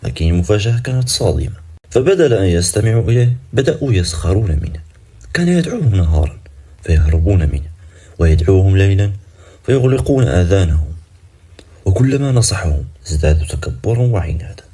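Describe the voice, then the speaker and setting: A man's voice: low voice, sing-song, quick pace, dark tone, slightly rough. A man narrating a dramatic story in a scripted, suspenseful way, ending sections with cliffhanger questions.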